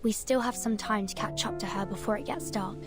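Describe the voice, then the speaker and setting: A woman plays a steady female leader in a video game who weighs things up before deciding. Her voice is mid-pitched and even. Soft game music plays under her. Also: fairly quick, lightly acted. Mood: thoughtful. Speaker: game character. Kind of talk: game voice acting.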